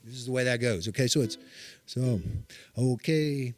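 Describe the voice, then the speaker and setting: A man hosting a church live stream, chatting casually between sing-along songs in a hurried, rambling way with many restarts. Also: medium pitch, faint music behind. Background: his own ukulele.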